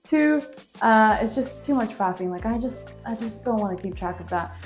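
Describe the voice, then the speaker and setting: A woman's voice: a little high, animated, normal speed, faint music behind. A young woman in her twenties, raised in Scotland, chatting casually to camera in a rambling, self-deprecating way, recorded on a phone with a small microphone. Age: 20s. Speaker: vlogger. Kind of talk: casual vlog talk to camera. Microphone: phone with plug-in microphone.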